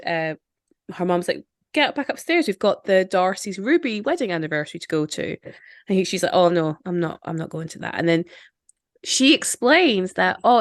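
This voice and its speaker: A woman's voice: mid-range voice, no room sound, studio quality. A young adult woman hosting a podcast, retelling a film scene by scene in casual chat and acting out the characters' lines with lots of laughter. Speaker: podcast host.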